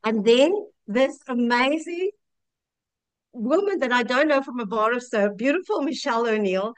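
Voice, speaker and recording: A woman in her fifties with a South African accent shares a heartfelt personal testimonial. Her voice sits a little high and sounds smooth and clear. She speaks candidly and often stops to restart her sentences. The recording is dry, with no room echo. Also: lively intonation, normal speed. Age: 50s. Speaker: customer sharing a testimonial.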